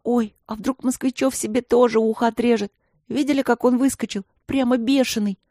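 A woman voicing an excitable, gossipy schoolgirl who talks in a wide-eyed, breathless way. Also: on the high side, brisk, no echo, clean studio sound, voice pushed up, natural voice.

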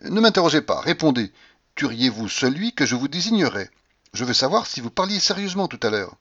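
A man's voice: medium pitch, big pitch swings, a little fast, a bit bright, dull audio. A man voicing a proud, scornful young woman who gives cold, commanding orders. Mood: imperious. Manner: commanding, contemptuous.

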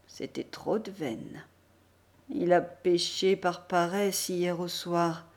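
A woman reading a classic novel aloud as an audiobook, measured and expressive. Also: on the low side. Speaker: audiobook reader. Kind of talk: literary audiobook narration.

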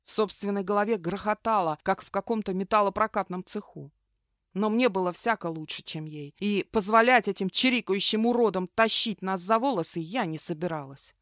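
A woman's voice: medium pitch, a little fast, fairly bright tone, dry recording. Woman audiobook narrator, first-person fantasy, fierce vivid reading, dry close sound.

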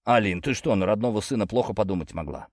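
A man voicing a gruff, blunt older working-class father who jokes in a folksy way. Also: on the low side, expressive, quick pace, no echo, clean studio sound.

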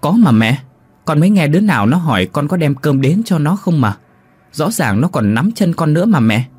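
A man's voice: a little high, big pitch swings, moderate pace, darkish tone, breathy edge, no room sound, voice pushed up. A man doing a frightened insistent child. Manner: insistent, raised voice. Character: frightened young child, the story's teller.

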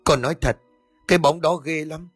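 A timid young son answers in a hesitant, slightly raised voice, as a male narrator puts him on. The sound is dry and a bit husky. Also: a little high, normal speed, dry recording, soft background music. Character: young man, anxious son.

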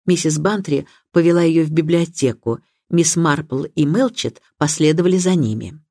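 A woman narrating a classic detective novel audiobook in a measured, expressive reading. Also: sits low, no echo, clean studio sound. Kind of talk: scripted narration.

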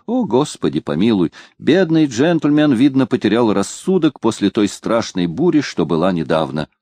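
Man voicing a frightened peddler, wheedling and shrill, wild swings in pitch. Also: very animated, normal speed, warm tone, dry recording. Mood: alarmed. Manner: whining and pleading, rising to shrill. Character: fawning, cunning male peddler, frightened.

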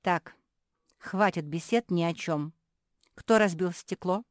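A woman's voice: lowish voice, slow pace, no echo, clean studio sound. A woman voicing a prim elder female pug who lectures her sisters reproachfully, in a storybook reading. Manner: reproachful, instructive. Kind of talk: storybook character voice.

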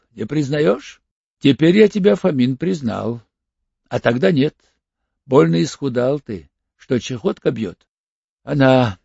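A man voicing Fomin, a sly, wary older male crook who haggles in a cagey, hoarse voice, in an audiobook. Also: medium pitch, a little mellow, no room sound, muffled recording, full character voice.

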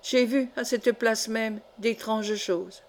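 A woman's voice: fairly high pitch, steady tone, slow pace. A woman reading the lines of a cowardly young male baker's apprentice with a trembling voice. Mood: fearful. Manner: trembling, jumpy.

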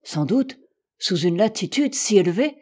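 A woman's voice: medium pitch, sing-song, a little slow, a little mellow, slightly rough. A woman voicing a doubtful male sailor in an audiobook, questioning skeptically.

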